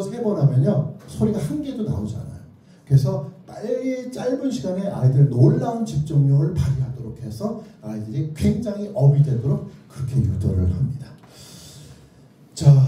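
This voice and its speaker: A man with a warm voice on the high side gives an interactive lecture as a children's author, narrating theatrically and asking his listeners either-or questions. The recording comes from a distant microphone in an indoor lecture room full of echo.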